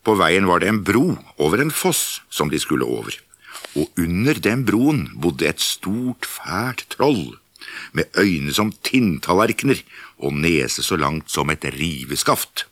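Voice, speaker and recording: A man reading a folktale as a storyteller, in scripted, expressive narration. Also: sits low, no echo.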